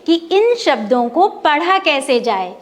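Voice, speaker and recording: Slow, high-voiced woman teacher. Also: sing-song. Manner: slow, clear, drawn-out syllables for children to repeat. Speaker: primary school teacher. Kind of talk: classroom phonics lesson. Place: classroom with children.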